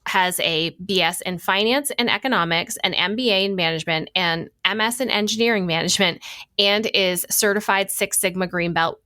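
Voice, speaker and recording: A woman's voice: mid-range voice, fairly quick, bright, forceful tone, no room sound, clean studio sound. A woman hosting an interview podcast, reading a guest introduction and asking friendly questions. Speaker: podcast host.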